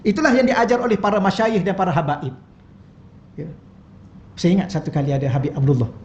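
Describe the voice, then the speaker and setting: A middle-aged Malaysian man with a Malay accent giving a lively religious lecture in a mosque hall, acting out quoted voices with humour. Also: sits high, fairly quick, highs cut off, a little hiss or hum. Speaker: religious teacher.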